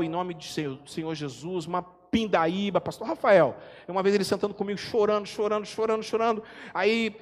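A Brazilian man from Espírito Santo preaching a sermon as pastor, his voice climbing to shouts and dropping to quiet asides. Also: high voice. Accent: Brazilian Portuguese, Espírito Santo. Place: church hall. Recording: long church hall reverb.

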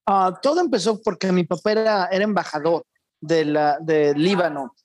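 A man's voice: high-pitched, normal speed, dry recording, studio quality. Man, thoughtful podcast guest. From born in Argentina, raised in Mexico. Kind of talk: conversational interview.

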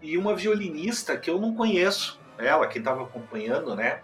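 A man's voice: on the high side, big pitch swings, fairly quick, fairly bright tone. A man, co-hosting a casual chat about classical music and explaining things eagerly, with many fillers and restarts. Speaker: co-host.

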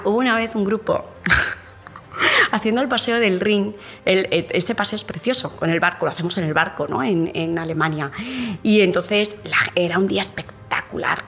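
A woman tour guide in an interview, telling her work stories in a lively way and acting out the dialogue. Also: mid-range voice. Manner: animated storyteller, acts out dialogue with many restarts.

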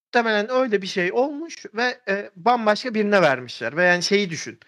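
A man's voice: sits high, animated, fast talker, fairly bright tone. A man telling a story in a casual podcast chat, rambling with fillers and restarts.

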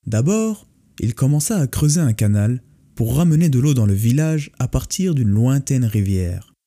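A man narrating a folk tale in a calm, measured way. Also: medium pitch. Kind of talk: storybook narration. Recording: faint music behind the voice. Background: faint music.

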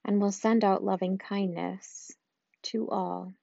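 A woman guiding a loving-kindness meditation in a slow, soft and soothing way, with long pauses. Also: mid-range voice, level tone, vocal fry, dry recording, dull audio. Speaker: meditation guide.

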